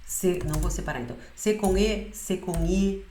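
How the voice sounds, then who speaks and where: Woman teacher, lowish voice, patient pronunciation lesson, keeps checking in, echoey room. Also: moderate pace, warm tone, a little hiss or hum. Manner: explains patiently, often checking with "né?" and "certo?".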